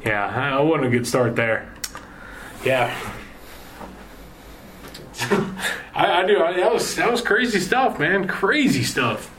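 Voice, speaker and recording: A tired male sports podcast host with a fairly high, fairly bright voice and big pitch swings gives a rambling, halting sign-off packed with ums and other fillers. The low-quality recording has a faint background hiss.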